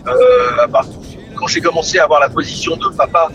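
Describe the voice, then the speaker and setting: A man's voice: on the high side, wildly swooping pitch, moderate pace, low-quality recording. A middle-aged man, a musician, talks about his career and family in an interview, often stumbling and repeating words. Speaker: musician guest. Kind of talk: relaxed interview talk. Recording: music playing behind the voice.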